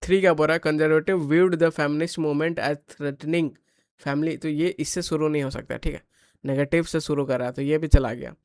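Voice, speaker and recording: A male exam tutor with an Indian English accent and a fairly high voice, switching into casual Hinglish between questions. He reads the English sentences aloud slowly before breaking them down. The recording is dry and close, with almost no room sound. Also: fairly even intonation, dry recording, rough recording. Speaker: exam coaching teacher. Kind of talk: exam paper solution lesson.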